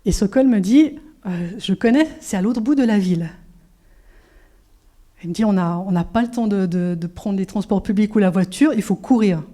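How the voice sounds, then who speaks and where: Animated woman preacher, mellow voice. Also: mid-range voice, normal speed. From Switzerland. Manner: animated storytelling, drops to whispers and rises to exclamations. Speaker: preacher giving a testimony. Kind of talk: sermon with personal testimony. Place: church.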